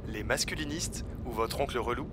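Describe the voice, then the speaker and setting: A man voicing a calm, formal airline cabin announcer in a pre-recorded jingle. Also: mid-range voice, a little fast, noisy background, lightly acted. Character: male airline cabin announcer, smooth and official. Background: music bed.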